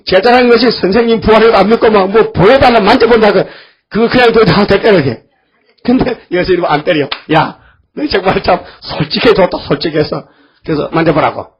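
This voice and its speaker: Husky high-voiced older preacher, folksy. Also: male voice, fast. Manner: folksy, scolding, acts out voices of biblical figures. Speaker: pastor. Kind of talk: sermon. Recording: dull lo-fi church recording.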